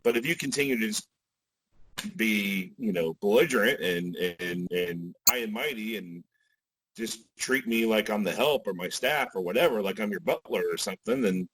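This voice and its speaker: A man in his forties talking as a podcast guest, relaxed, with frequent restarts and asides. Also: lowish voice, normal speed, a little hiss or hum, low-quality recording. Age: 40s. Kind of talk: casual podcast conversation.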